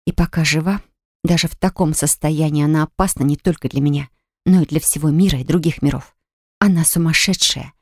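A woman narrating a first-person fantasy audiobook with expressive storytelling. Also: low-pitched, fairly quick, no room sound, clean studio sound.

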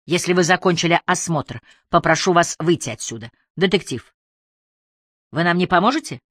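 A woman's voice: fairly low pitch, lively intonation, moderate pace, a bit bright, no echo, clean studio sound. A woman reading a cold, curt police inspector. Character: stern female police inspector, hostile and curt.

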